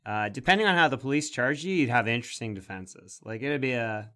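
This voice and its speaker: A man co-hosting a podcast on animal law, explaining legal points in a measured way with wry, sarcastic asides. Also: mid-range voice, bright, forceful tone. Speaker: podcast co-host. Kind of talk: casual legal podcast discussion.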